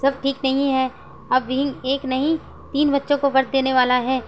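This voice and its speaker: A woman voicing a doting, teasing young husband who fusses over his pregnant partner, in a high, even voice. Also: normal speed, dull audio, a little hiss or hum, lightly acted. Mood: fond, teasing.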